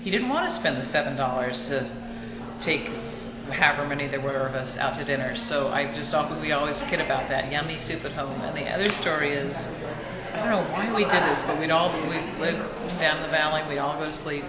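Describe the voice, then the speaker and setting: A woman's voice: low voice, a little fast, very noisy. A woman chattily telling a family food story, rambling with asides. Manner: chatty, rambling, lively quoted voices. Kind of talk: casual storytelling. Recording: echoey room with crowd.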